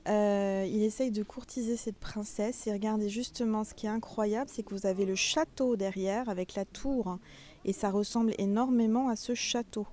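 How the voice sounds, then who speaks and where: A woman's voice: medium pitch, fairly even intonation, moderate pace, warm tone. Chatty woman reading tarot outdoors. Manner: chatty, addresses viewers as little stars. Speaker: tarot reader. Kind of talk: casual spoken tarot reading. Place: outdoors in front of a castle, people around.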